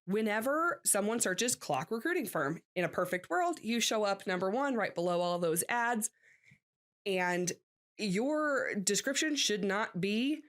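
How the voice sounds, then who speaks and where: A woman's voice: medium pitch, expressive, a little slow. A woman co-hosting a podcast in casual chat, playful and acting out examples. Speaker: podcast co-host.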